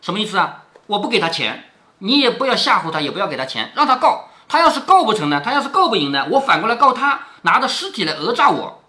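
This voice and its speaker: A man's voice: high voice, big pitch swings, fast, sharp tone. A man reading a classic novel aloud to his daughter, stopping to explain and quiz her with questions. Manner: explains and keeps asking the listener questions. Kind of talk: storytelling with commentary.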